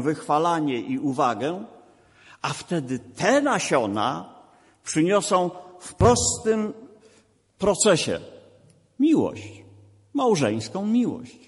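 A man's voice: high voice, husky, big-room sound. A man preaching a sermon, asking rhetorical questions and repeating emphatic refrains.

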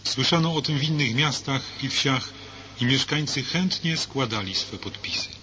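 Man, earnest measured reading, bright forceful voice, dull lo-fi, faint hiss. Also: medium pitch. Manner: earnest, measured, addresses the listener directly. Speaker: reader of a religious book. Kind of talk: scripted narration with preaching.

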